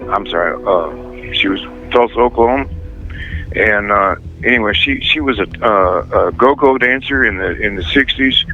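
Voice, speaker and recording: A man in his fifties speaking haltingly with many pauses, calling in over a prison phone line. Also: fairly low pitch, sharp tone. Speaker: inmate guest calling in.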